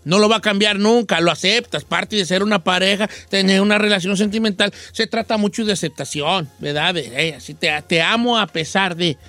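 A man with a Mexican accent, hosting a radio show and telling a story in a folksy, dramatic, hushed way. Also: sits high, a little fast, hardly any pauses, no echo, soft background music. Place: radio studio.

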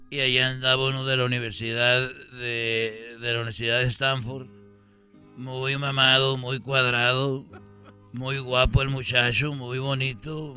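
A man telling a comic story about his family in a slow, deadpan way. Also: medium pitch. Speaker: comedian telling an anecdote. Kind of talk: comedy sketch storytelling.

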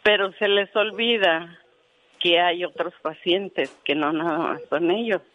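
A woman's voice: fairly low pitch, a little slow, highs cut off. A woman calling into a radio show, earnestly telling a story with quoted dialogue, her voice tearful at times. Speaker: radio caller.

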